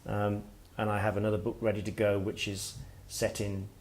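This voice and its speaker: A middle-aged man speaks at a writers' workshop in a somewhat low voice. His delivery is reflective and halting, with pauses and restarts as he works out his thoughts aloud. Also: completely flat delivery, a little hiss or hum. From Wales. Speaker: author and guest speaker. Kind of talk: workshop talk. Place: workshop room with listeners.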